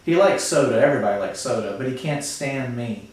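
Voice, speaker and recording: A man's voice: medium pitch, animated, brisk, a little mellow, lightly acted. A man reading aloud as a hurt teenage boy who speaks in a bitter, earnest way. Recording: very echoey room, far from mic.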